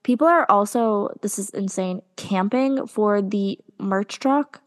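A young woman co-hosting a casual podcast chat, talking with lots of ums and pauses. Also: mid-range voice. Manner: chatty, hesitant with many ums. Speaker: podcast co-host.

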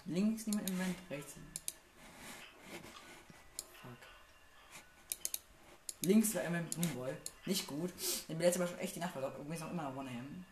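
A man's voice: on the high side, normal speed, pauses often. A man doing casual let's-play commentary on a horror game, jumpy, muttering to himself and swearing under his breath. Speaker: gamer playing a horror game. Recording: echoey room with noticeable noise.

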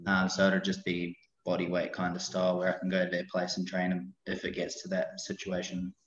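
A man's voice: sits low, completely flat delivery, a little fast, a bit bright. A man chatting casually as an interview guest on a remote call. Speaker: podcast guest, personal trainer. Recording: dull roomy online call audio.

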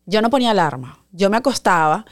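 A woman hosting a podcast, telling a personal story in a casual, animated way and acting out the quoted voices. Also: fast. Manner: animated, acts out quoted voices, dramatic pitch jumps. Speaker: podcast host.

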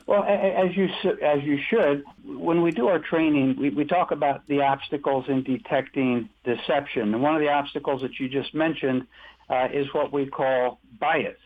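A male guest, a deception-detection expert, explaining methodically with halting restarts in an interview. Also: fairly high pitch, fairly even intonation. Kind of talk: conversational interview. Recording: tinny phone line.

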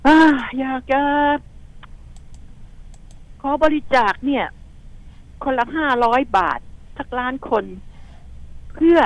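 A woman's voice: a little high, dry recording, rough recording. A woman commentating on the news on radio, outspoken and indignant, rambling and repeating herself as she talks to listeners. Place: radio studio.

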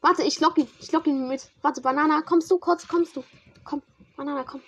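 Excitable high-voiced young woman gamer. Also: brisk. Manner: excitable, slangy, talks to a teammate while playing. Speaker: gamer streamer. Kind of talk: casual gaming commentary.

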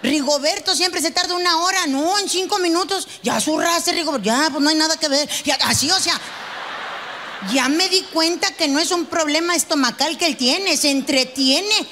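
Brash high-voiced Mexican woman comic. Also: moderate pace, bright, forceful tone, long reverb tail, some chatter behind, slight background noise. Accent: Mexican Spanish. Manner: brash, profane, acts out quarrels in quoted voices. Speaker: stand-up comedian. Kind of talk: stand-up comedy routine.

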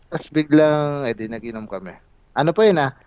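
A man's voice: a little high, fairly quick, clean tone, no room sound. A young man telling a story in casual chat, swearing and laughing along the way. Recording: dull lo-fi sound.

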